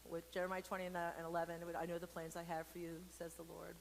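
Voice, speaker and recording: Her voice is low, creaky and completely flat, and she talks fast, yet this adult woman reading a picture book to kids at an online church service is chatty and playful, with comic, rambling asides and direct questions to viewers. A long hall echo and background noise fill the recording.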